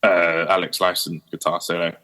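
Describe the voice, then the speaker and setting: Guy on a podcast, lowish voice, keen and chatty, swears a bit, lots of "you know". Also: little pitch movement, brisk, bright, forceful tone. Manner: enthusiastic, swears casually, trailing "you know". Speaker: guest guitarist. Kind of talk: casual podcast chat.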